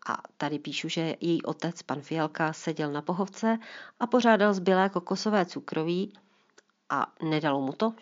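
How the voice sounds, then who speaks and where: A woman's voice: low voice, muffled recording. A woman author talking about her book and reading from it aloud, chatty and explaining. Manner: chatty, explaining, lively emphasis. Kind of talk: storytelling talk and reading aloud.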